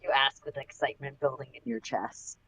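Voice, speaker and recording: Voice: medium pitch, steady tone, brisk, sharp tone, breathy edge, rough recording. A livestream host reading a fan-written story aloud in a casual narrating manner with asides. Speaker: story reader.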